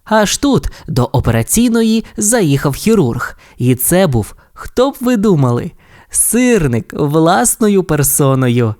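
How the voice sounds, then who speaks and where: A man narrating an audio fairy tale for children, reading with lively expression. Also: on the high side, slow pace. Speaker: storyteller.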